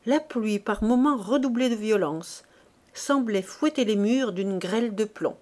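A woman reading a classic novel aloud as an audiobook, measured and expressive. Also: a little high. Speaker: audiobook reader.

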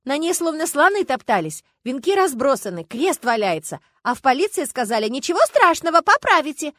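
A woman voicing a haughty, indignant rich lady who speaks shrilly and loudly in an audiobook. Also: a little high, animated, quick pace, dry recording, studio quality, pitched above the performer's own voice. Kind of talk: audiobook character voice.

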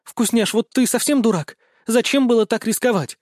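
A man's voice: extremely high pitch, normal speed, darkish tone, dry recording, studio quality, voice pushed up. A man voicing an irritable young female cat goddess spirit who scolds and frets, in an audiobook. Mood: indignant. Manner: scolding, indignant, fretful. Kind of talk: audiobook character reading.

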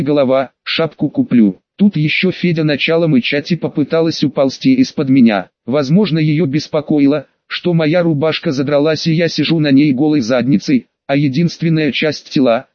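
Guy narrating an audiobook, wry and chatty, bit higher voice, dull dry lo-fi sound. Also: no echo. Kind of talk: first-person audiobook narration.

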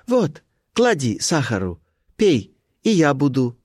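A man's voice: wildly swooping pitch, takes it slowly, a little mellow, husky, dry recording, full character voice. A man voicing a mysterious, teasing young woman who talks in short, broken phrases, recorded in a dry space. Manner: high, clipped, broken phrases.

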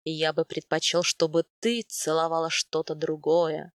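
A woman voicing a young steppe man, a teasing and tender captor, speaking low, slow and coaxing for an audiobook. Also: monotone, no room sound, studio quality. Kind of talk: audiobook character voice.

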